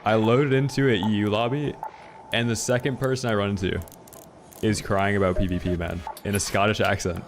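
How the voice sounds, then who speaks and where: Low gravelly dude streaming a game, laid-back chatter, noisy background. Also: male voice, steady tone, brisk. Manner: laid-back, chatty, says "man" a lot. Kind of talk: casual live gameplay commentary. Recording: clear background noise.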